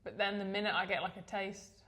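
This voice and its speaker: A woman's voice: medium pitch, fairly even intonation, fairly quick, sharp tone. Chatty laughing woman. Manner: chatty, self-deprecating, laughs often. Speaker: podcast co-host. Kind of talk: casual chat.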